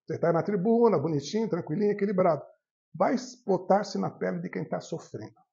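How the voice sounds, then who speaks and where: Male spiritist lecturer, high and quick, dark in tone, acts out his dialogues; dull lo-fi hall recording. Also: creaky. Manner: storytelling, acts out the voices in dialogues. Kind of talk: spiritist talk from the tribune.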